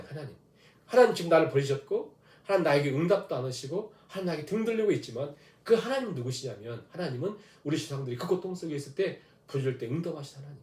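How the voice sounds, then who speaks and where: A man's voice: a little high, darkish tone, echoey room. A man preaching a dawn prayer sermon, asking rhetorical questions and leading the congregation through scripture readings. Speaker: pastor. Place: church sanctuary.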